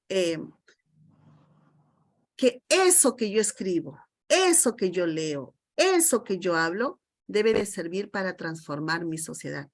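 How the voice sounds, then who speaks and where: Lady teacher trainer on a video call, emphatic, keeps asking the group questions. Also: mid-range voice. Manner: emphatic, asks the group many rhetorical questions. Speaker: teacher trainer leading a session.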